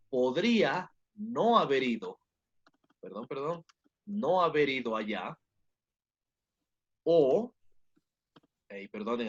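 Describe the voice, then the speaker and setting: Lively male teacher, lo-fi class audio. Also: medium pitch, slightly rough. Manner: keeps checking in with the class by asking questions. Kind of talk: online class explanation. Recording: dull lo-fi online class audio.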